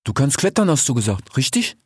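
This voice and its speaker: A man's voice: mid-range voice, sing-song, fairly quick, husky, no echo, studio quality. An actor playing a talkative male desert fox merchant in an audiobook fairy tale, tagging his sentences with a questioning "ja?". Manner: chatty, ends phrases with 'ja?'.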